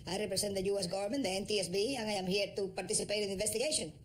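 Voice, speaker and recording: A man from Cuba recounts an episode in an interview, animated and quick, playing out each quote. He talks at a brisk clip. A faint hiss sits behind him. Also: high voice. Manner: animated storytelling, acting out quotes. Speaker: investigator interviewee. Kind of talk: interview recollection.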